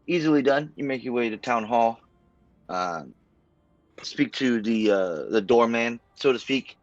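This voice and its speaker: A man's voice: medium pitch, expressive, unhurried, no room sound, muffled recording, faint music behind. A man running a tabletop game as game master, narrating in a laid-back way with swearing and slang. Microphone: streaming mic.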